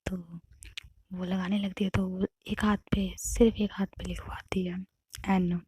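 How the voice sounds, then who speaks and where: A woman narrating a love story in a relaxed, casual way, her voice mellow and a touch breathy. She often sinks into a near whisper. The sound is close and completely dry. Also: mid-range voice, a little slow, no echo. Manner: often drops to a soft whisper.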